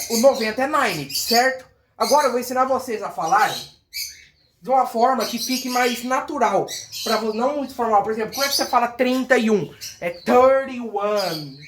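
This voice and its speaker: A high-pitched woman with a Brazilian Portuguese accent teaches in a relaxed, chatty way, slowing down to repeat each word so learners can copy it. She is recorded in a bare, echoey room, with birds chirping faintly outside. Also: a little hiss or hum. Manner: repeats words slowly, drilling pronunciation. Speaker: English teacher. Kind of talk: casual online lesson.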